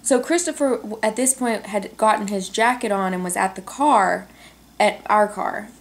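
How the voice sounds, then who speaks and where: A woman's voice: mid-range voice, normal speed. Chatty young woman telling a story. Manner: animated, chatty, many "like"s. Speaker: vlogger. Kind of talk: casual storytelling. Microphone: camcorder on tripod.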